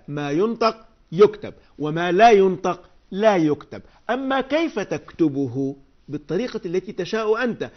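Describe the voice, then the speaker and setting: Older man teaching Arabic poetic meter. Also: sits high. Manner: slow, emphatic, recites verses with stressed syllables. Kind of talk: recorded lecture. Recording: dull lo-fi audio recording.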